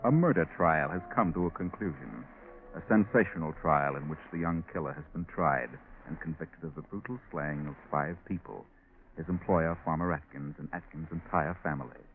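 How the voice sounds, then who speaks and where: An actor playing an ominous, mysterious night-walking storyteller, narrating theatrically in 1940s radio style. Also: male voice, very deep voice, moderate pace, a little hiss or hum. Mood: grave, suspenseful. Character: the Whistler, ominous mysterious male storyteller who walks by night. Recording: tinny 1940s radio broadcast. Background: music.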